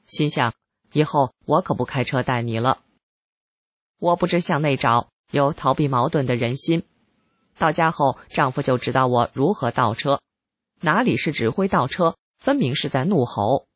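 A reader giving scripted narration of a first-person article in a calm, measured, even way. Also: medium pitch, breathy edge, dry recording.

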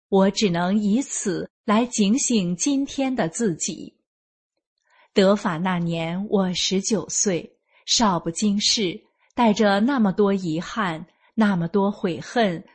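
A woman in her forties reads a personal account in a slow, unhurried way. Her voice is soft and breathy, with a middle pitch. The reading is earnest and measured. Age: 40s. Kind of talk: scripted first-person narration.

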